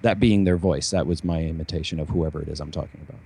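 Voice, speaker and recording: A man's voice: a bass voice, steady tone, fast, dark tone, slightly rough. A man talking casually as a musician and podcast host, rambling with many fillers and restarts. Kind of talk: casual chat.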